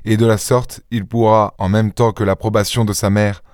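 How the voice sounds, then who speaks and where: A man voicing a calm, commanding gentleman who speaks firmly and reassuringly in an audiobook. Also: lowish voice, smooth, no room sound, clean studio sound, lightly acted. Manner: firm, reassuring, measured. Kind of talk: audiobook character reading.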